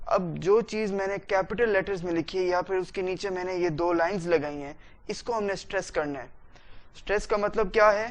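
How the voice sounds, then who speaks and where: A man with a Pakistani accent teaching a recorded spoken-English lecture, stretching out words to show the stress. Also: fairly high pitch. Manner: drawn-out, exaggerated word demonstrations.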